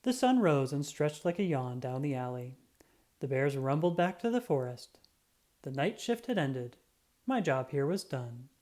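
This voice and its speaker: A measured pace and mid-range voice carry this reading of a children's picture book, told by a narrator in the guise of a self-important cat detective. The delivery is dramatic and expressive, acting out sound effects.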